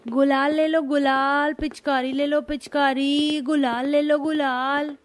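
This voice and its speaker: A man voicing a poor young boy in a cartoon story, in a shrill, pleading childlike falsetto. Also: little pitch movement, slow pace. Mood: hawking. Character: young boy, poor and frightened, devoted son.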